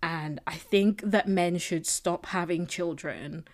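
A woman's voice: lowish voice, slow. A woman hosting a solo podcast, chatting casually and candidly in a rambling, opinionated way. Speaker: podcast host. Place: indoors, a room other than the usual setup. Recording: slightly echoey, recorded in makeshift room.

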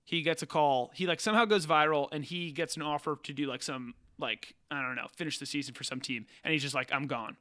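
Bright, animated young man podcasting. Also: fairly high pitch. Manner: animated, jokey, recaps shows with quick put-on quotes. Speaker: podcast co-host. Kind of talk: casual comedy podcast chat.

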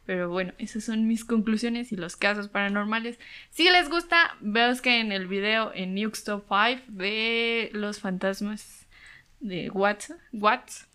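A woman's voice: mid-range voice, takes it slowly, bright, forceful tone, smooth. A young Mexican woman co-hosting a casual true-crime podcast, chatty and slangy, laughing often. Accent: Mexican Spanish. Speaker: podcast co-host.

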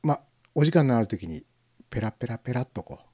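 A man hosts a live internet radio stream in a casual, rambling chat, full of fillers and soft chuckles. His voice is dark and mellow, and his pitch rises and falls in a lively way as he muses over each listener's comment. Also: fast, slightly rough.

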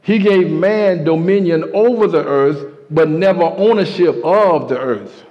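A man's voice: a little high, measured pace. A man preaching a sermon to his congregation, emphatic, with call-and-response. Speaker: pastor. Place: church sanctuary. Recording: muffled sound with a long hall reverb.

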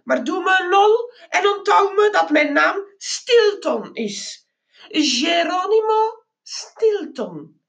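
A woman voicing a flustered, fussy male mouse who gets easily exasperated, with indignant, rising high exclamations. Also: expressive, slow pace, gravelly, fairly bright tone, exaggerated voice.

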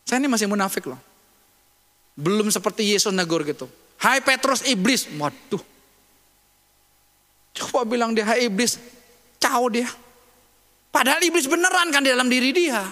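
High bright-voiced male preacher in a reverberant hall. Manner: emphatic, conversational, rhetorical questions. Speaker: pastor. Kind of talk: sermon.

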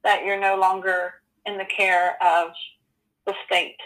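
In a low-quality recording, a woman in her forties shares her personal story as an interview guest, earnest and halting with frequent ums and you-knows. Her voice is medium-pitched and a bit bright, with a flat delivery.

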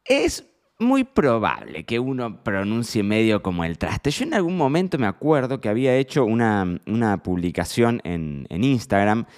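A man's voice: sits low, clean tone. A man with an Argentine Spanish accent hosting a casual solo podcast, chatty and playful, joking about his own mistakes. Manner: chatty, self-deprecating, playful mock pronunciations. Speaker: podcast host.

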